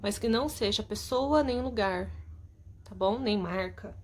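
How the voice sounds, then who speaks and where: Recording at home, a female teacher with a mid-range, slightly mellow voice speaks a little slowly as she reviews homework answers. She explains patiently and frequently checks on her students with a repeated "tá?".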